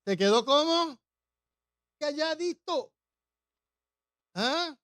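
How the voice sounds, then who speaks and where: A man's voice: high-pitched, lively intonation, unhurried, a bit bright, no echo, studio quality. A male pastor preaching a humorous sermon, often putting questions to the congregation.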